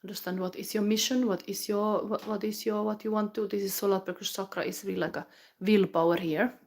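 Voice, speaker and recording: A Finnish woman, sick with the flu, reads tarot live in a mid-range, steady voice that's a little fast, creaky and slightly mellow. Her Finnish-accented delivery rambles with fillers and restarts, sinking into whispers as she channels.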